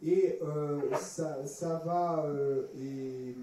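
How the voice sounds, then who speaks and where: A man's voice: fairly high pitch, fairly even intonation, extremely slow, mellow. A man interpreting a teaching with hesitant phrasing and frequent restarts. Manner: hesitant, many fillers and restarts. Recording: echoey room, distant mic, faint noise.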